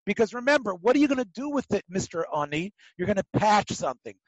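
A man with a notably high-pitched voice teaches a religious text lesson. He is animated and conversational, often throwing out a question and answering it himself. He repeats phrases to drive a point home. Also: fast talker, no echo, low-quality recording. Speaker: teacher of a Talmud class.

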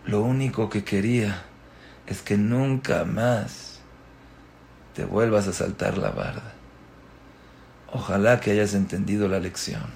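A man's voice: high-pitched, slow pace, a little hiss or hum, voice pushed up. A man playing a worried, loving king who speaks earnestly to his son. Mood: gentle. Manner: pleading, then gently earnest.

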